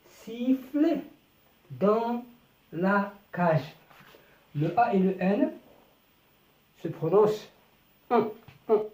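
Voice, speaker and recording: A French teacher giving a beginner phonics lesson, stretching out syllables and repeating each word slowly. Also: medium pitch, mellow, distant mic. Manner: slow, drawn-out syllables, repeating words. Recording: echoey room, voice from off the mic.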